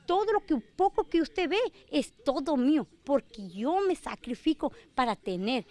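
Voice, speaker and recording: A woman giving a halting, emotional news testimony at her home. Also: high voice, animated, darkish tone. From Argentina. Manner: halting, emotional retelling with restarts. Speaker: interviewee, assault victim.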